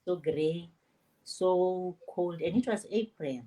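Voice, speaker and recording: Lively grandmother from South Africa, low-pitched. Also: takes it slowly, poor audio. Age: older. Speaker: panel guest. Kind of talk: personal storytelling on a panel.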